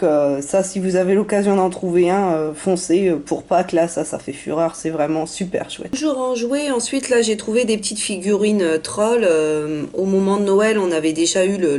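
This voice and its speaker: A hoarse young woman, raspy from being ill, chatting through a casual haul video with many hesitations. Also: lowish voice, mellow. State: hoarse from illness. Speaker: vlogger.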